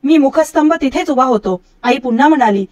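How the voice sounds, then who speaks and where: Storybook reader: high-pitched middle-aged woman who raises her voice for character lines. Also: animated, a little mellow, dull audio. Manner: recites verse slowly and lower. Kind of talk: reading a story aloud.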